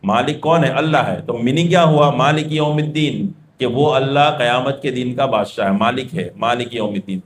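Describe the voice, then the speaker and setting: A man's voice: medium pitch, hardly any pauses, echoey room, slight background noise. A male preacher tells a religious story as a sermon. He explains with everyday examples and asks and answers his own questions.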